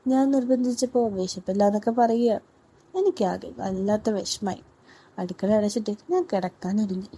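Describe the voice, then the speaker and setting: A woman reading a first-person story aloud in a soft, unhurried, intimate way. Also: mid-range voice, fairly even intonation, slightly rough.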